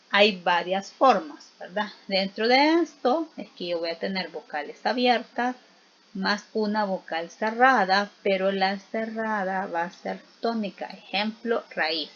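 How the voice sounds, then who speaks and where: A woman teaching a spelling lesson, explaining slowly and patiently and often checking in with her students. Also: mid-range voice, fairly bright tone, highs cut off. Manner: slow, patient explaining with frequent check-in questions.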